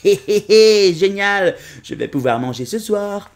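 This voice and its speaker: Guy doing a squeaky brash kid fighter, loud and high, storybook reading. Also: lively intonation, measured pace. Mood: gleeful. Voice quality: high, yelping. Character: cheerful boy fighter, brash and hungry.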